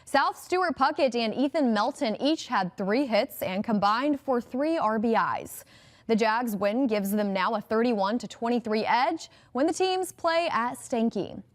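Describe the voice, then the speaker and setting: A woman anchoring a local TV newscast, reading scripted stories with a brisk, upbeat delivery. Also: fairly high pitch, lively intonation. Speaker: news anchor.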